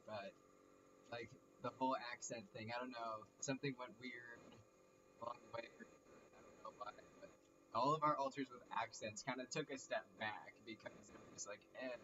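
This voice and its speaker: A man's voice: mid-range voice, normal speed, bright, forceful tone. A man guesting on a casual chat, easygoing and chatty, often laughing. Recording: distant lo-fi mic with noise.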